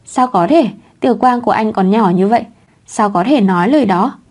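A woman's voice: mid-range voice, brisk, a little mellow, lightly acted. A woman voicing a teasing, clingy young husband in a read-aloud story, in her own plain voice. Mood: indignant.

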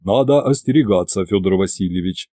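A careful, courteous male adviser who keeps his voice low and hushed, as a male narrator puts him on. Everything is said politely and formally. The tone is mellow, dry and close. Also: fairly quick, no echo. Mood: measured.

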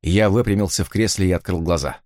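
A man's voice: low-pitched, fast, a little mellow, dry recording, studio quality. A man reading a first-person thriller aloud, narrating in a dramatic way. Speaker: audiobook narrator.

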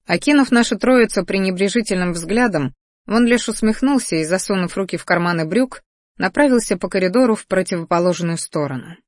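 A woman narrating a first-person fantasy audiobook in a calm, even storytelling manner. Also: medium pitch, a little fast, no echo, clean studio sound.

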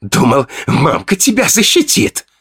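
A man voicing a vicious teenage boy bully with a hoarse, spitting snarl. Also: fairly high pitch, very animated, measured pace, a bit bright, voice pushed up, full character voice. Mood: snarling, taunting.

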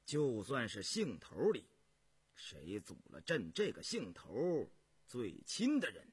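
A man's voice: mid-range voice, wildly swooping pitch, slow, slightly rough, voice pushed down, exaggerated voice. A man voicing a stern, resolute emperor who speaks firmly and imperiously, in a told historical tale. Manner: firm and imperious.

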